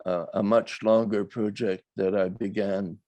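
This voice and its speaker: An older man, a documentary filmmaker, talks reflectively in an interview, choosing his words in a thoughtful, measured and hesitant way. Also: fairly low pitch, flat delivery, dark tone, no room sound.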